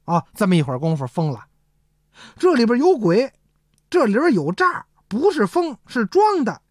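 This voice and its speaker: A woman's voice: a little high, sing-song, moderate pace, no echo, clean studio sound. A woman voicing a scheming male minister who insinuates suspicion. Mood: suspicious.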